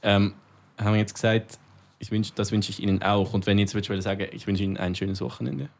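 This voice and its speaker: A man's voice: on the low side, steady tone, quick pace, creaky. A man learning a language in a casual lesson chat, playful and chatty as he tries out words on a close mic. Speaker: learner co-host. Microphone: close microphone.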